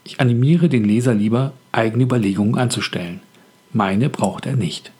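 A man who is an author hosting a scripted podcast on the craft of writing, speaking in a calm, reflective and measured way. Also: medium pitch, breathy edge.

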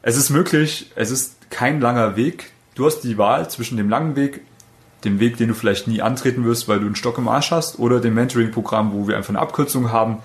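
A man who hosts a podcast as a dating coach, talking in a casual chat. He rambles through his stories, with plenty of fillers and quick self-corrections along the way. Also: mid-range voice.

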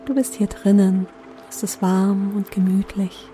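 A woman guiding a sleep meditation in a gentle, soothing, unhurried manner with long pauses. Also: mid-range voice, little pitch movement, faint music behind. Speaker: meditation guide, host.

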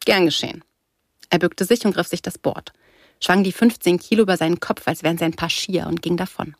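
A woman reading a novel aloud, telling a first-person story in a lively way. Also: lowish voice, fairly quick, husky, no echo, studio quality. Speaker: reader.

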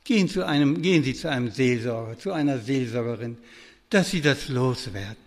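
An older man giving a pastoral sermon lecture, speaking directly to his listeners and moving between raised urgent appeals and quiet, low phrases. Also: lively intonation, fairly quick. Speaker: preacher. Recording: long reverb of a hall.

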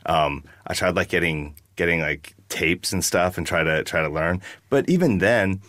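A man's voice: low-pitched, normal speed, a bit bright, no room sound, clean studio sound. A man from the United States, chatting about his band in a rambling, jokey interview. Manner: rambling, jokey, lots of fillers. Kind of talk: casual interview chat.

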